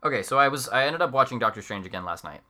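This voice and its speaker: Bright young adult, wry and quick. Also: mid-range voice, lively intonation. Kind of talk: casual podcast chat.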